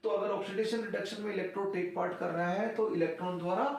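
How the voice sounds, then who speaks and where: An Indian man teaching a chemistry class, slowly dictating definitions word by word. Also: sits high, steady tone, vocal fry. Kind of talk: classroom lecture. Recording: very echoey room, voice from far off.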